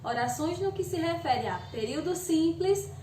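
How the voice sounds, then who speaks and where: A woman's voice: extremely high pitch, animated, normal speed, dark tone, slight background noise. A woman teacher with a Brazilian accent gives a recorded video lesson to eighth graders. She explains patiently, often checks in with "ok?", and voices her students' questions herself. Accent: Brazilian Portuguese. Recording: echoey room, voice a bit far from the mic.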